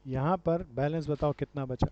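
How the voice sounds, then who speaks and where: Inside a classroom, a male commerce teacher quizzes his students and calls them dear friends and brother. His voice is fairly high and warm, at normal speed, and the recording comes across as slightly dull and lo-fi.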